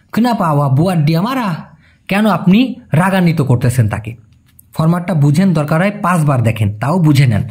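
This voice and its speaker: A man teaching phrases to viewers, slowing right down to spell out each foreign phrase word by word. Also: high-pitched, a little mellow, breathy edge. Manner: repeats each sentence and breaks it word by word. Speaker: language teacher.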